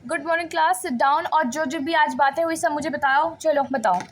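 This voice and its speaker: Dramatic scolding young woman, high voice. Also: moderate pace, a crowd in the background. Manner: scolding, dramatic, switches between stern and sweet. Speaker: comedy creator playing a teacher. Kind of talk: comic role-play sketch.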